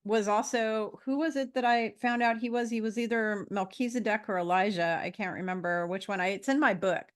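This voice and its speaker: Woman in her fifties, conversational guest, middle pitch, loose and wandering delivery full of "um"s. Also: brisk. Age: 50s. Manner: meandering, with frequent fillers and restarts. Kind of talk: casual conversation.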